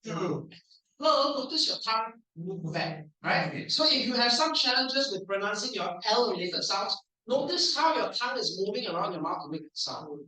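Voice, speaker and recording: A man with a Singaporean accent who evaluates language at a speaking club, coaching the room on pronunciation in a playful way and drilling words aloud slowly. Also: high-pitched, big pitch swings, bright, forceful tone, far from the mic. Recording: echoey room, voice from off the mic.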